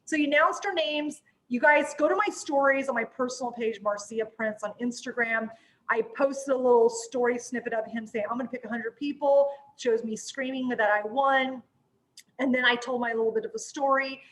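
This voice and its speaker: Female host, high voice, informal and excitable, casual promo chat. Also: normal speed, low-quality recording.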